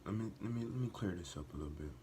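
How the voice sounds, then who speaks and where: A man's voice: low voice, animated, racing, noisy background. A man hosting a reaction video, talking earnestly and with passion, repeating and restarting phrases as he builds to emphatic bursts. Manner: earnest and impassioned, rising to emphatic outbursts. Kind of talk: casual reaction commentary.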